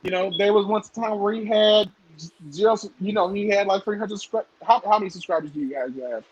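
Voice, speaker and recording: Thirtysomething southern guy, high-pitched, rambly and laughing, dry close sound. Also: a little fast, dry recording, dull audio. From southern United States. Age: 30s. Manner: rambling, lots of fillers, laughs often. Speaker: guest. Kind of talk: casual podcast chat.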